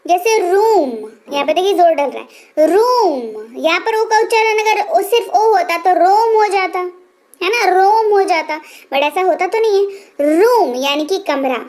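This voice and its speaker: A woman with a very high voice teaches English pronunciation. She says each word slowly, repeats it, then explains what it means. She keeps checking in with the viewer through rhetorical questions. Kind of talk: explanatory spoken lesson.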